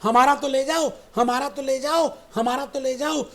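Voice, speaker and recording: A loud, whining plea from a crowd of office workers, put on by a male teacher mid-lesson. The voice climbs above his usual pitch and pushes hard on each cry. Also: fast talker. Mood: pleading. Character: crowd of wailing office staff, pleading.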